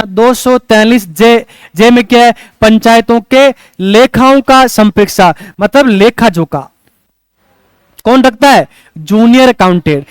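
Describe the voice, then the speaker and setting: A man's voice: sits high, clean tone, dry recording. A male coaching teacher, lecturing a class and checking in with rhetorical questions as he teaches memory tricks.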